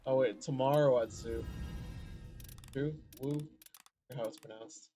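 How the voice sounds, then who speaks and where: A man's voice: medium pitch, fairly even intonation, a little fast, warm tone, soft background music. A man streaming a video game, chatting casually as he plays. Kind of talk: casual chat while playing.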